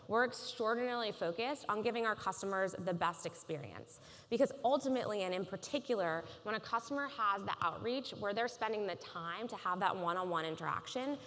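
A woman in her thirties delivers a polished, measured keynote from a large conference stage. Her voice is mid-pitched and carries a long reverb from the hall around her. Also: animated, fairly bright tone. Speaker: keynote speaker.

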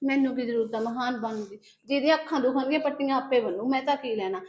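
A woman's voice: high voice, fast, darkish tone, close to an everyday voice. A woman playing a put-upon young wife who firmly defends her home in a melodramatic short film. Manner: firm, pleading, defensive. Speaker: sister-in-law, wife of the house.

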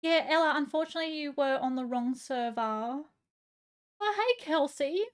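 A bubbly woman live streamer with a high voice, chatting casually, greeting viewers and gushing as she reads chat aloud. Her voice is going a little hoarse. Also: expressive, moderate pace.

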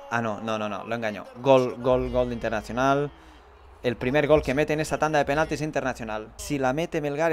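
A young man with a Spanish accent from Spain, giving an excitable, swearing live reaction to a football penalty shootout. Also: medium pitch.

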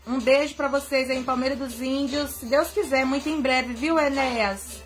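This is a young woman singer from Bahia, Brazil, giving affectionate shout-outs to viewers by name during a casual live stream. Her high voice keeps a fairly even intonation at a moderate pace, recorded on a phone camera at arm's length from her bed indoors, soft music underneath.

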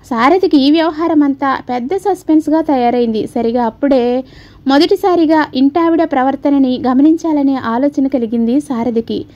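A woman narrates an audio story calmly and softly. Her voice is high yet mellow, and the recording sounds dull and lo-fi. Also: normal speed.

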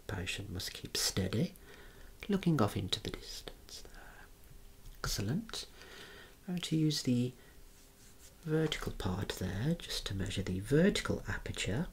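A man whispering softly through a clinical ASMR role-play, giving slow, careful instructions and gentle praise as he demonstrates eye and head measurements. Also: mid-range voice, very animated, husky.

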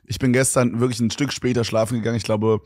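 A young man co-hosts a podcast and tells a long anecdote in rambling, slangy chat. His voice sits at a middle pitch. The recording is dry and close. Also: fairly even intonation, fast, darkish tone, no echo. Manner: rambling, slangy, laughs a lot. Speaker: podcast co-host. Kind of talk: casual chat. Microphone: studio podcast mic.

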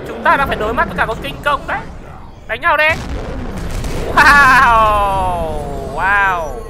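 An excitable gaming channel host, giving let's-play commentary, often shouting wow and repeating words in quick bursts. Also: medium pitch. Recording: clear background noise.

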